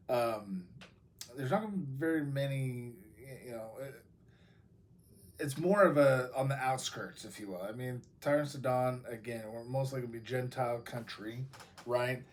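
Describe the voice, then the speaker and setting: A man with an American accent, a pastor giving a casual devotional talk, talking loosely with many fillers and restarts. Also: mid-range voice.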